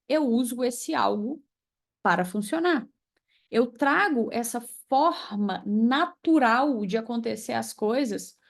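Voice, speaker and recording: Coaching environmental professionals in English during an online class or mentoring session, this young Brazilian woman speaks with a Brazilian Portuguese accent. Her voice sits high with vocal fry, and she goes through examples with lively emphasis.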